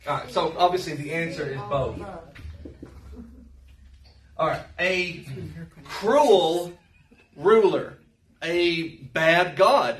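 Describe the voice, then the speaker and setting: A man's voice: a little high, a bit bright. A man leading a Bible study, talking emphatically and putting questions straight to his listeners. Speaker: Bible teacher. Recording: roomy hall, mic set far off.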